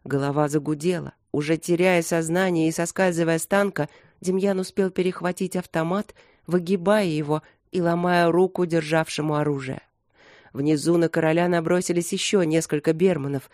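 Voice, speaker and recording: A measured audiobook narrator reading a dark war scene in an even voice of middling pitch. The delivery slows on the grimmest moments. The recording is dry and close. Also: no echo.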